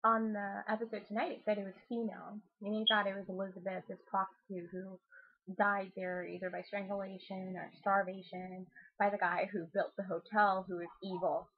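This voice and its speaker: A woman in a casual vlog, excited and rambling, filling pauses and swearing freely. Her voice sits at a middle pitch with a slightly husky edge. The sound is thin and lo-fi, like a phone line. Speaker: YouTube channel host.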